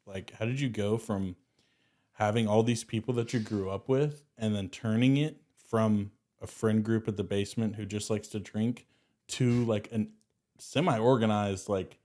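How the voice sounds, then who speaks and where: A man with a lowish voice chatting on a podcast. He asks questions in a relaxed, casual way. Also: unhurried. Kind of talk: casual chat.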